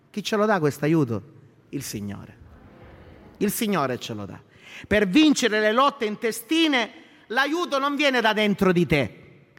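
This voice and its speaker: A man's voice: sits high, a bit bright. Male pastor, sermon, emphatic rhetorical questions, long hall reverb.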